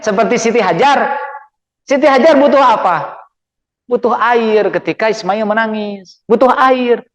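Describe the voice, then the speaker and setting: A man preaching with a Sundanese accent, playful and animated, acting out angry quarrels for his audience. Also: extremely high pitch, dull audio. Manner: playful, acts out quarrels with shouts and jokes. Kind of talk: lively sermon to women. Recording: reverberant hall.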